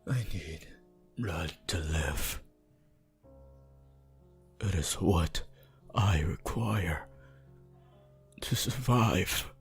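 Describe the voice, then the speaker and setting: A man plays a weakened, bloodthirsty vampire in an ASMR roleplay, alternately pleading and menacing in a theatrical, archaic style. His low, husky voice often sinks to a whisper, heavily acted with weak pleading, and his delivery is slow, halting and dramatic over faint background music.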